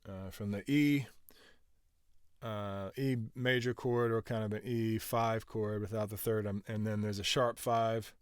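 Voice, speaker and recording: Low, smooth-voiced man explaining music production. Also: fairly even intonation, a little slow, dry recording, clean studio sound. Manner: rambling, many filler words and restarts. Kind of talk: casual production tutorial.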